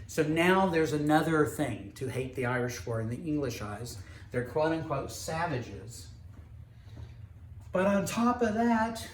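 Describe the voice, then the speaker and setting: Man lecturing history in an echoey room. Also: on the high side. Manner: measured, explanatory storytelling with occasional hesitations. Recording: echoey room with faint background noise.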